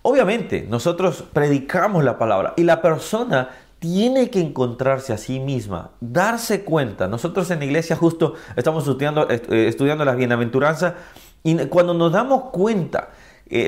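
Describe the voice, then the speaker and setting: A man leads a devotional Bible lesson in a fairly high-pitched voice. He speaks gently and without hurry, slowing down to stress important words. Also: sing-song. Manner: gentle, unhurried, with slow emphatic stresses. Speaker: Bible teacher.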